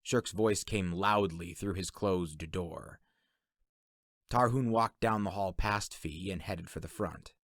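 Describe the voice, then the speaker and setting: A man narrating a fantasy adventure story in an expressive storybook style. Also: low voice, takes it slowly, no room sound, clean studio sound. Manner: expressive, voices all characters.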